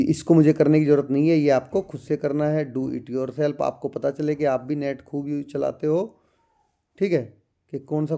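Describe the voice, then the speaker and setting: A man tutoring schoolchildren through a textbook chapter, reading lines slowly and explaining them. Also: on the high side, warm tone. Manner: reads English lines slowly, explains in Hindi addressing children.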